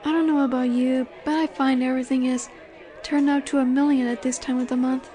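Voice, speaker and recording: Voicing a self-assured werewolf alpha in a roleplay audio drama, a woman teases and flirts in a slow, seductive, coy manner. Her high, mellow voice has a flat delivery and sounds close to how she'd normally speak. The murmur of a bar crowd runs behind her.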